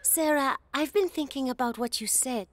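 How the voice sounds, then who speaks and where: A woman voicing a gentle, hesitant young girl in an animated cartoon, speaking politely. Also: high voice, moderate pace, lightly acted. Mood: apologetic. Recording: music behind the dialogue.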